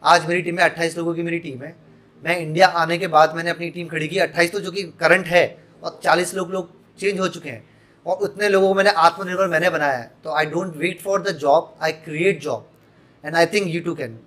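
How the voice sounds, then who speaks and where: A man's voice: on the high side, fairly even intonation, a little fast, a bit bright. A man in his thirties, a podcast guest who talks frankly and with strong opinions, dropping English phrases into casual interview talk.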